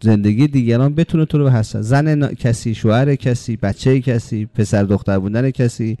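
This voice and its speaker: Mellow-voiced man giving a religious lecture. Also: medium pitch, no echo. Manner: rhetorical questions and long spoken lists.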